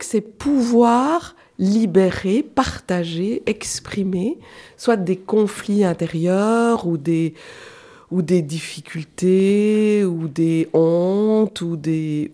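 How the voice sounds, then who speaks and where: A woman's voice: mid-range voice, very slow, warm tone. A middle-aged woman from Switzerland, guest in a radio interview, talking through her work with many fillers and restarts. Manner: hesitant, searching for words with many fillers. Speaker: guest, clown and actress.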